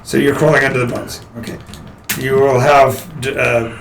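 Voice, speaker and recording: A man improvising narration as game master of a tabletop game, often halting and repeating his words. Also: mid-range voice, steady tone. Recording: faint background noise and clicks.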